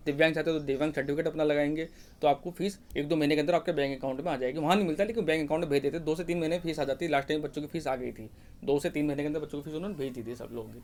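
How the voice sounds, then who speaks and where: A man's voice: a little high, darkish tone. A man teaching job aspirants in a casual, repetitive advising way, often checking in with "ठीक है ना". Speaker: exam guidance teacher. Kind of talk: informal Hindi explainer for job aspirants.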